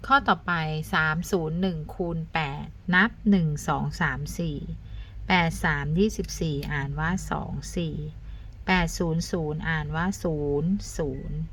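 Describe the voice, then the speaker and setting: A woman teacher talking students through arithmetic step by step, counting aloud and adding soft polite particles. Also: sits low, normal speed, a little hiss or hum. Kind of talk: step-by-step math lesson.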